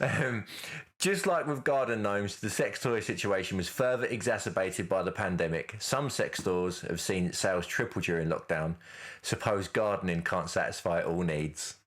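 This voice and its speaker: A man co-hosting a podcast who reads out odd news stories in a wry, animated way. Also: low-pitched, normal speed. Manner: wry, animated, laughs at his own jokes. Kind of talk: reading weird news, casual chat.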